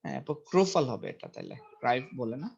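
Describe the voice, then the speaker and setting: A man's voice: medium pitch, sing-song, fast talker, vocal fry, slight background noise. A man teaching English vocabulary in a casual lesson, repeating each word several times and checking pronunciation aloud. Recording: dull lo-fi recording.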